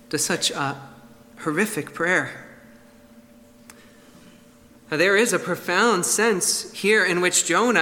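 A man's voice: high voice, sharp tone, in a large hall. A man preaching an expository sermon in an earnest, emphatic way.

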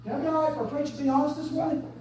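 A woman, preaching an impassioned sermon that swings between hushed and shouted. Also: high-pitched, steady tone, racing, a little hiss or hum. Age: 30s. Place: church sanctuary. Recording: echoey church from far off.

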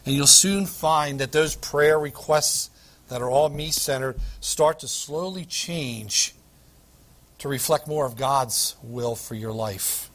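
Man, pastor preaching, high voice, dramatic pauses. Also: fairly bright tone. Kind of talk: sermon.

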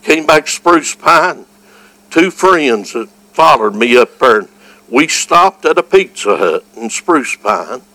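A man with a Southern US accent delivers a fervent evangelical revival sermon, folksy and exclamatory, shifting from quiet storytelling to shouting. His mid-range voice is sing-song and slow. The audio is poor but has no echo.

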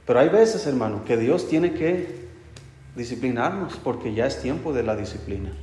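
A male pastor delivers a sermon at a middle pitch, calling his listeners brothers and asking rhetorical questions that he answers himself. His voice rings through a roomy hall with a long, trailing reverb. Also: animated, moderate pace, warm tone. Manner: addresses listeners as brothers, light humor.

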